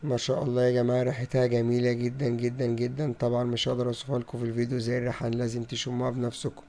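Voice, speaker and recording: A man with an Egyptian Arabic accent narrates a countryside farm vlog in a playful storytelling style. He talks quickly with fairly flat intonation. His tone is dark and mellow. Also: mid-range voice, slight background noise. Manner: playful, acts out talks with animals. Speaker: vlogger.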